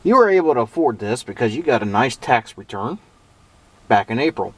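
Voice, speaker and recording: A vlogger demonstrates vintage gadgets from a truck cab, narrating his playful, theatrical hands-on show as a story while background noise comes through clearly. He talks fairly quickly in a very animated, medium-pitched voice, and the recording is low quality but has no echo.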